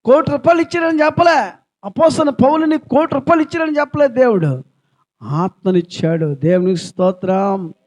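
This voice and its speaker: A man with a Telugu accent preaching a sermon as a pastor, firing repeated rhetorical questions and swinging between loud calls and hushed lines. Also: very high voice, animated, fairly quick. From India. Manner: fervent, repetitive rhetorical questions.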